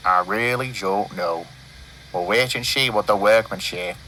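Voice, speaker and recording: A man's voice: on the low side, measured pace, slight background noise, rough recording. A man voicing a grim, authoritative male railway boss in a storybook reading, speaking sharply. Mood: grave. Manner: sharp, commanding.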